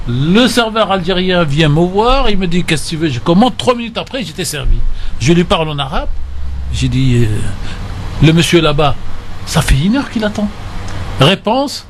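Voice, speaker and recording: A man's voice: high-pitched, moderate pace, a little hiss or hum. A man speaking as a radio studio guest in a debate, telling anecdotes animatedly and acting out the dialogue. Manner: animated storyteller, acts out dialogue.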